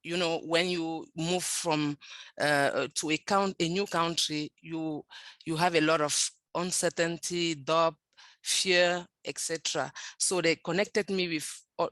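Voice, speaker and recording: A woman's voice: low-pitched, fairly even intonation, unhurried, a bit bright, no echo. A French-speaking woman from Cameroon with a Cameroonian accent, giving earnest, grateful answers as an interview guest, with some restarts. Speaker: program participant, guest. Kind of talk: interview answers on a video call.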